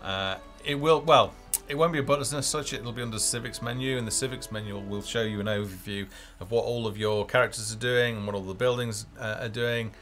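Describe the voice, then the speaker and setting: A man hosts a casual game developer live stream, thinking aloud off the cuff in a hesitant, rambling manner while music plays behind him. His mid-range voice is a bit bright, and he talks briskly with hardly any pauses.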